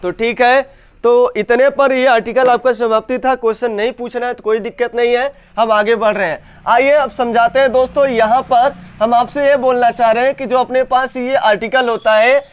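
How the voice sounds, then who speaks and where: High-voiced man drilling a class. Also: steady tone, clear, resonant tone. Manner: repeats each point as a question to the class; stretches key words slowly for emphasis. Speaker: English grammar teacher. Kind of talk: classroom lesson with call-and-response. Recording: slightly dull lo-fi sound.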